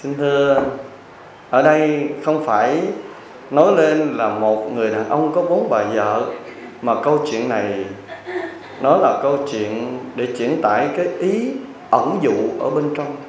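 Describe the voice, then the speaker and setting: A man, a Buddhist monk giving a sermon as a lively story with jokes to the listeners. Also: medium pitch, measured pace, slight background noise. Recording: very echoey hall, distant mic.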